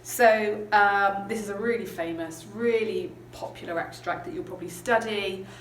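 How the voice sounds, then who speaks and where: A woman's voice: medium pitch, moderate pace. A woman teacher talking casually through a novel, chatty and hesitant with lots of ums. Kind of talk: casual literature lesson chat. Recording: roomy, distant mic, background noise.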